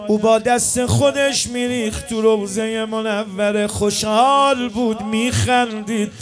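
A man's voice: high voice, steady tone, faint music behind. A man telling an emotional religious story in an impassioned, half-sung delivery. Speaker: religious eulogist.

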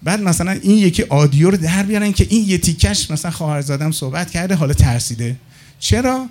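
Animated middle-aged man telling stories. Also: high voice. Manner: animated, acts out dialogue with others in his anecdotes. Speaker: storyteller. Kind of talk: casual storytelling monologue.

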